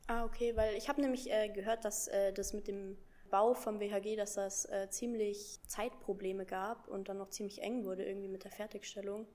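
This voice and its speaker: A young woman with a medium-pitched voice runs an informal school interview. She asks her questions a bit hesitantly, with plenty of fillers. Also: fairly even intonation, moderate pace, few pauses, mellow.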